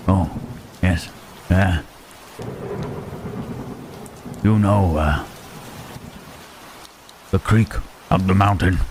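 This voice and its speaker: A man playing Frankenstein's monster as a lonely, gentle creature in intimate ASMR roleplay, halting and tender, with formal wording. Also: low-pitched, slight background noise. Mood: hesitant, gentle. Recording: rain and thunder behind the voice. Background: rain and thunderstorm.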